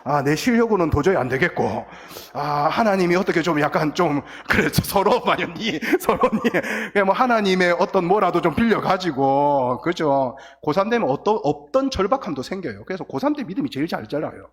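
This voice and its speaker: Lively husky man preaching in reverberant church. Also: high voice, a little fast, few pauses. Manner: animated storytelling, acts out crying and quotes. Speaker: guest pastor. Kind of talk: lively sermon to teenagers. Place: church sanctuary. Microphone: church sound system, recorded from booth. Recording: long church hall reverb.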